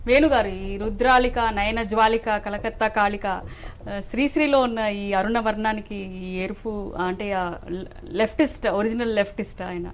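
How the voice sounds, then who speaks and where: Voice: mid-range voice, steady tone, normal speed. Interviewer with faint background noise. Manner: brief affirming interjections. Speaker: interviewer host.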